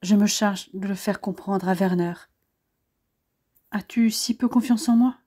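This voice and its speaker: A woman voicing a loving young French woman, gentle and affectionate. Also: medium pitch, measured pace, husky.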